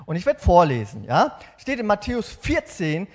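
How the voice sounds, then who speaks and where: A young man preaching a sermon, chatty and lively, often checking in with his listeners. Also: high-pitched, moderate pace. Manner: lively, animated, chatty asides with frequent "ja?". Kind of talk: sermon with dramatic Bible reading.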